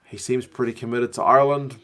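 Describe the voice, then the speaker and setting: A young man's medium-pitched voice moves fairly quickly as he chats casually on a rugby watch-along stream and reads viewer messages. He sounds relaxed, chatty and slangy, with a New Zealand accent mixed from years overseas.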